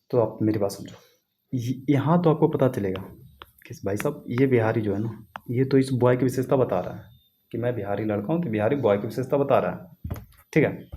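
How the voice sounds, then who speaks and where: A man's voice: mid-range voice, dark tone. A man teaching English grammar in a casual classroom style, repeating points and checking that students follow. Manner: repetitive, asks students questions, writes on a board.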